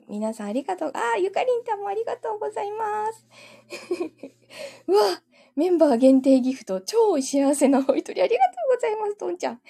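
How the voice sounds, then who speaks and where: Chatting from home with her live audience, a woman giggles frequently and thanks viewers throughout. She speaks high in her range, with a gravelly yet mellow voice.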